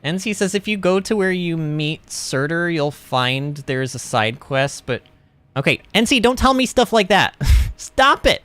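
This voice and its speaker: A man's voice: on the high side, animated, normal speed, fairly bright tone, smooth, dry recording. A young man chatting casually while livestreaming a video game, rambling, laughing often and reading chat messages aloud. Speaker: streamer. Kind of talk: livestream gaming commentary.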